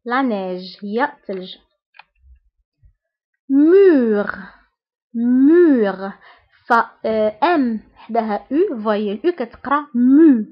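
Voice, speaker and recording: A woman with a Moroccan Arabic accent gives a beginners' lesson in a slightly high voice. She goes slowly and says each example word twice. The recording sounds dull and lo-fi. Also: expressive. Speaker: French teacher. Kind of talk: language lesson.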